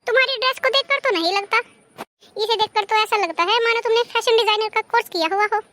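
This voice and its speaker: A woman's voice: very high-pitched, fast talker, pushed and bright, a little hiss or hum. A woman voicing a chatty visiting mother in a cartoon, who makes sarcastic remarks.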